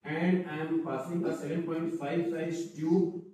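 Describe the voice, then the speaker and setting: A man's voice: on the high side, little pitch movement, measured pace, dark tone. A man, a doctor talking through a trauma assessment step by step and giving orders to his team. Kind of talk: spoken clinical demonstration. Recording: echoey room, voice from a distance.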